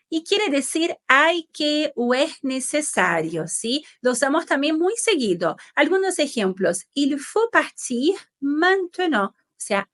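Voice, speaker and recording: A woman, teaching French patiently and clearly and often checking in with her students. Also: high voice, a bit bright. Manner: patient and careful, checking in with "¿sí?" and modelling pronunciation slowly. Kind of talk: slow, clear language lesson.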